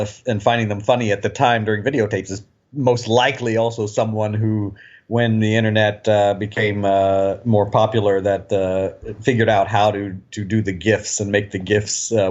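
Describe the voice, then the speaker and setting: A man's voice: lowish voice, a little mellow. Laid-back man on a dull, lo-fi line. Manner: laid-back, halting, with many uhs and laughs. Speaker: podcast co-host. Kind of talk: casual chat about bad movies. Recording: dull lo-fi sound.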